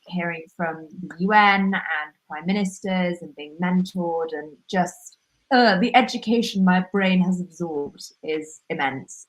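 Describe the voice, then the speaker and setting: A woman's voice: medium pitch, low-quality recording. A young woman with a modern British accent from southern England, chatting informally as a podcast co-host. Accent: Southern English. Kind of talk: casual chat on a live podcast. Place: sparse room at home.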